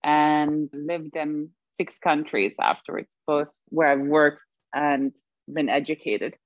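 A young woman raised in Sweden as an interview guest, reflective and quick to laugh. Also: deep voice, dry recording, dull audio. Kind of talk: conversational interview.

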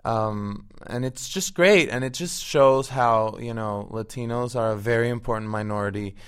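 A man's voice: mid-range voice, moderate pace, smooth. A man from Venezuela with a Venezuelan accent, an actor guest chatting eagerly and restarting his words often. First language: Spanish. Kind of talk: casual interview chat.

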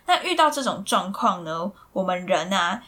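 A woman's voice: mid-range voice, very animated, normal speed, pushed and bright. A woman, casually summarizing a book in a conversational, explaining way. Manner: conversational, filler-heavy explaining. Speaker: book reviewer.

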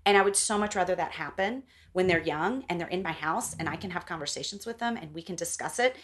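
A woman's voice: fairly low pitch, quick pace, slight background noise. A middle-aged woman from the American South, talking in a casual, emphatic podcast conversation and laughing now and then. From Southern United States.

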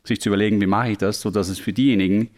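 Man, Austrian accent, lower-pitched voice, casual podcast talk, English tech terms mixed in. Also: fairly even intonation, racing, darkish tone. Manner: drops English tech jargon into speech.

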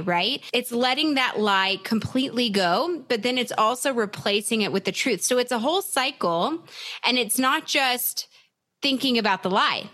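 Bright-voiced chatty woman host. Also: fairly high pitch. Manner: chatty, upbeat, frequent "like" and "right?". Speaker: podcast host. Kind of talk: casual interview chat.

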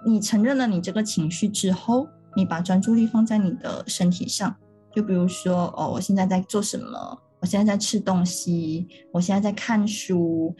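A woman's voice: medium pitch, warm tone. A woman co-hosting a podcast, talking through ideas in an earnest, step-by-step casual chat. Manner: earnest, explanatory, talks through steps. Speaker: podcast co-host.

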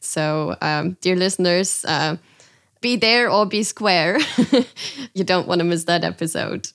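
A woman's voice: lowish voice, slow pace, creaky, fairly bright tone. A woman hosting a podcast, chatting in an upbeat, friendly way with occasional hesitations. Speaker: podcast host. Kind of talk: casual podcast chat.

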